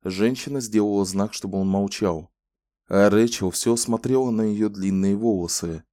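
A male audiobook narrator with a low, dark, mellow voice, telling the story in a calm and measured way. He sits close to the mic, and the recording is dry, with no room sound. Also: no room sound.

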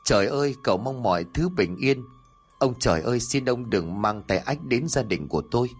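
A man's voice: medium pitch, lively intonation, fairly quick, husky, faint music behind. Sly, fake-pious old father-in-law, trembling and pleading, as a male narrator voices him; audiobook. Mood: feigned grief.

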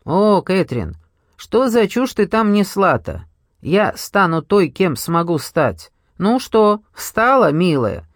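A man's voice: sits high, very animated, slow, no room sound, clean studio sound, heavily acted. A man voicing a cruel, mocking ex-husband who taunts in a sneering way.

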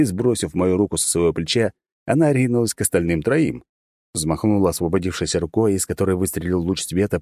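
Deep-voiced male audiobook narrator, mellow tone, even first-person storytelling. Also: dry recording, studio quality.

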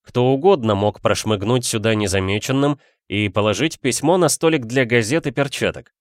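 Male audiobook narrator, even storytelling, dry close recording. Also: medium pitch, normal speed, dry recording. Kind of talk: reading a detective story.

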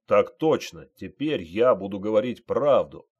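Man doing a frightened young private, strained loud answers, lowish voice. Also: animated, measured pace, breathy edge, lo-fi sound. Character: young male private, scared, drugged and confused.

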